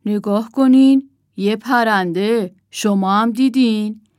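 A woman voicing a wise toy owl who speaks seriously and slowly. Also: medium pitch, fairly even intonation, no echo, clean studio sound, close to an everyday voice. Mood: solemn. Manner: serious, slow.

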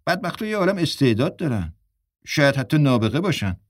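A man's voice: a little high, big pitch swings, dry recording, clean studio sound, pitched above the performer's own voice. A man voicing an easygoing young man who earnestly defends his friends in a story.

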